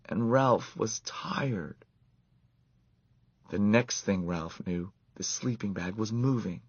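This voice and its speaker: A man reading a children's story aloud in an expressive, animated way. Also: on the low side, no room sound. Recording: dull lo-fi dry recording.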